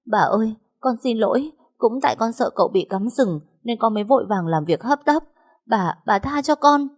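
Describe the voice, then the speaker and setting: A woman's voice: fairly high pitch, expressive, normal speed, darkish tone, voice pushed up. A woman voicing a scheming young maid who wails and begs. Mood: pleading. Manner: wailing, begging.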